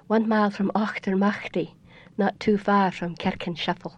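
An older woman with a Scottish accent, a guest on a radio interview, explaining things in a measured, storytelling way. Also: medium pitch, fairly even intonation, no echo. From Scotland. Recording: dull lo-fi radio recording.

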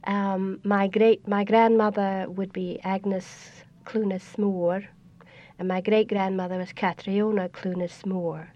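An older woman with a Scottish accent, a guest on a radio interview, explaining things in a measured, storytelling way. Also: medium pitch, little pitch movement, dark tone. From Scotland. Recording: dull lo-fi radio recording.

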